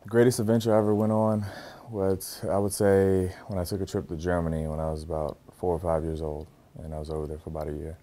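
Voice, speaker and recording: A man's voice: deep voice, flat delivery, fast talker, hardly any pauses, dark tone. A man in his thirties from Virginia, answering interview questions about his childhood in an easygoing, plainspoken way with a light joking touch. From Richmond, Virginia. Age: 30s. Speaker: interviewee, groom-to-be.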